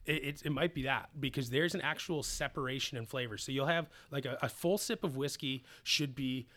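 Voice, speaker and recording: A man with an Upper Midwest American accent, a distiller talking in a casual podcast chat, jokey and animated as he tells stories. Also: medium pitch. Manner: fast, animated, jokey storyteller.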